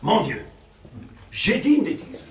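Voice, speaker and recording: A male stage actor playing a fussy, lecherous middle-aged provincial professor in a live farce, with theatrical, excitable delivery and chuckling asides to the audience. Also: extremely high pitch, slow pace, slight background noise, exaggerated voice. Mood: comic. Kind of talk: live stage comedy performance. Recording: roomy stage sound from a distant mic.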